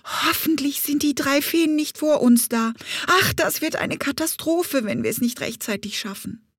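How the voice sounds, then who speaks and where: A bossy little bumblebee girl buzzes along in a high, hurried voice, scolding and urging everyone on, as a woman puts her on for a children's audiobook. Her lines are loud and pushy, and the recording is dry and close. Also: expressive, breathy edge, no room sound. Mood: worried. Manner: urgent, scolding.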